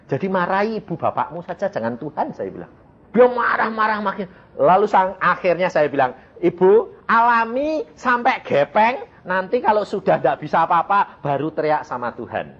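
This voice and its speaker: A man's voice: sits high, big pitch swings, a little fast, fairly bright tone, highs cut off. An older man from Indonesia preaching a sermon, telling stories in a folksy way and asking the audience questions. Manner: folksy storytelling, asks the audience "betul nggak?".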